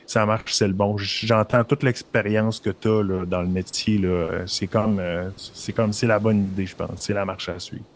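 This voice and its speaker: Hesitant low-voiced player. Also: male voice, fairly even intonation, moderate pace, hardly any pauses, slight background noise. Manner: hesitant, stammering. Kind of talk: casual tabletop role-play.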